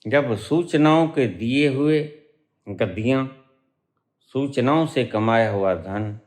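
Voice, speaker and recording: A middle-aged man giving a spiritual discourse as a teacher, preaching slowly and emphatically with dramatic pauses and rising stresses. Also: medium pitch, a little mellow.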